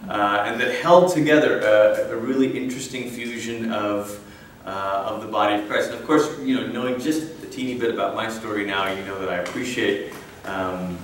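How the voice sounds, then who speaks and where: This clip features a man from Malaysia, in his thirties, delivering a personal testimony as a guest speaker, with plenty of fillers and restarts in a conversational style. His voice sits on the low side and sounds a bit bright, with a little hiss or hum and the echo of a hall recorded from a distance.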